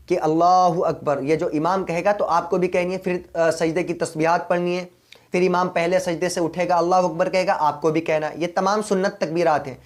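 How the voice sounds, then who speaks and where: Higher-pitched man explaining prayer steps patiently. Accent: Urdu. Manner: patient, step-by-step explaining, repeats key points. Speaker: mufti teaching prayer rules. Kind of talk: religious instruction.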